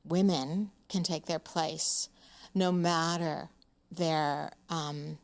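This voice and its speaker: A woman's voice: deep voice, level tone, very slow. A woman in her seventies, a podcast interview guest, speaking frankly and emphatically with frequent "um" fillers. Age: 70s.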